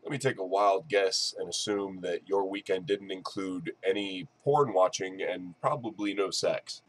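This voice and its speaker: A man's voice: low-pitched, a little slow. A man delivering a mocking, sardonic response commentary on another person's video.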